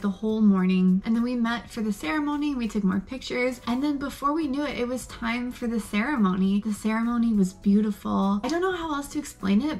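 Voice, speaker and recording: A young woman from Arizona, a vlogger chatting casually and gushing, with lots of "like" fillers. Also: fairly high pitch. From Arizona, USA. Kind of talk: casual chat.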